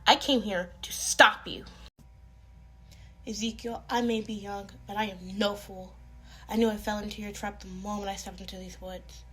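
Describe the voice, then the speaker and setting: A woman's voice: medium pitch, steady tone, normal speed, a bit bright, breathy edge. A woman voicing a brave young girl who wants to be a knight, speaking firmly and earnestly in a told fairy tale. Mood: defiant.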